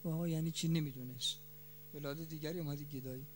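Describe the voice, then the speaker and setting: A man preaching a mourning sermon, his voice swelling loud and dropping soft, stretching key words slowly for emphasis. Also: on the high side, fairly even intonation, slight background noise.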